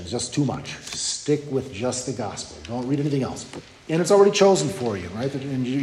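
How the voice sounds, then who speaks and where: A man's voice: mid-range voice, a little mellow, a little hiss or hum. Man preaching in an echoey hall. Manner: conversational teaching with frequent "okay?" and "you know". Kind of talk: sermon. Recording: echoey hall with long reverb.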